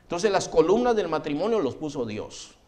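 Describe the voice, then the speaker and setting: A man's voice: a little high, very animated, normal speed, a little mellow. A man, a pastor, preaching a sermon in a direct, admonishing way, calling his listeners "brother" again and again. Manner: addresses the congregation as "hermano" over and over.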